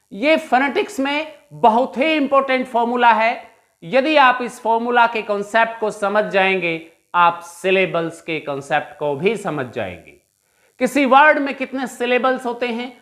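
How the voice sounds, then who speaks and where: Slow, deliberate Indian English teacher woman. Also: a little high, a bit bright. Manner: deliberate, repeats questions to viewers. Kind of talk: bilingual phonetics lecture.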